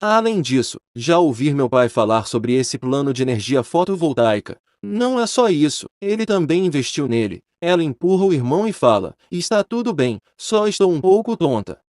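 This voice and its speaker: A man's voice: moderate pace, hardly any pauses, no echo, studio quality. A man narrating a manhwa recap casually, with slangy asides, voicing the characters' lines himself. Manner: casual, slangy, comments on the plot; lively, pitches up for characters' lines.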